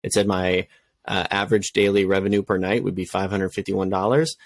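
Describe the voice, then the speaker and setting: Gravelly low-voiced man, candid and reflective. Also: flat delivery, a little fast. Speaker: podcast co-host. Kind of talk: casual podcast chat.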